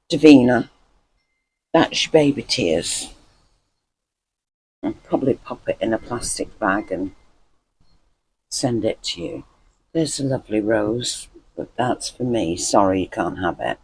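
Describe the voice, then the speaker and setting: A man's voice: medium pitch, darkish tone, slightly rough, no echo, rough recording. A man chatting casually as a gardening vlogger, rambling and repeating words for emphasis.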